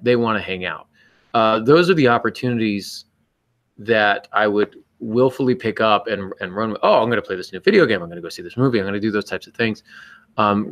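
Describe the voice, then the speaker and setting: Lowish and a little bright, this male podcast co-host and writer reflects aloud in an earnest, emphatic way, often criticizing himself.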